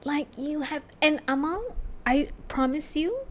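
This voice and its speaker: High-voiced woman co-hosting. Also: a little slow. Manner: animated, playful storyteller. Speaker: podcast co-host. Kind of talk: casual chat.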